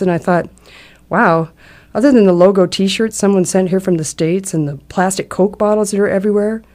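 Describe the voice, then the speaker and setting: A middle-aged woman reads a scripted personal account in a measured, reflective public radio manner. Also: lowish voice, warm tone. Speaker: essayist reading a personal travel account.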